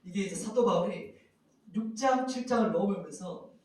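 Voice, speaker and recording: A man preaching a sermon as a pastor, lively and animated, acting out loud cries and sighs of lament. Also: high voice, normal speed, very echoey, far from the mic, a little hiss or hum, poor audio.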